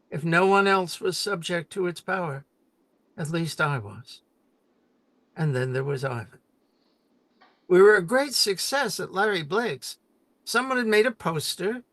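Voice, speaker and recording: An older man giving a solemn, deliberate reading of memorial poetry with dramatic emphasis. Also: high-pitched, animated, a bit bright, no room sound. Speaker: poet.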